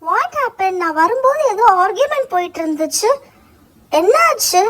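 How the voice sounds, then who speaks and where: A bubbly young girl with a very high, childlike voice chatters eagerly to her friends, as a woman puts her on. She sounds cheerful and generous. It fits a homemade doll-play story. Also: very animated, moderate pace, fairly bright tone, heavily acted.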